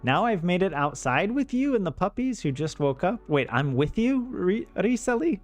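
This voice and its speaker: His high voice very animated and moderately paced, a native English speaker from the American South livestreams his Finnish learning. He's casual, rambling and self-deprecating in his humor, and faint music plays behind him.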